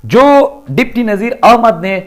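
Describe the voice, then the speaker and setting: A man giving a deliberate, explanatory lecture to students, addressing them politely as he explains a lesson. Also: very high voice, animated. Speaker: Urdu teacher. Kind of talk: classroom-style recorded lecture.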